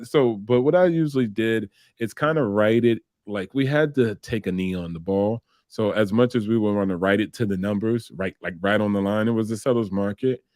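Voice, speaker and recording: A man with a fairly low voice, talking casually as an interview guest. He tells his stories with energy, slipping into the voices of the people he quotes. The sound is dry and close. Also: dry recording. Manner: animated storytelling, acts out quoted voices with laughs. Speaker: interview guest, combat veteran in real estate.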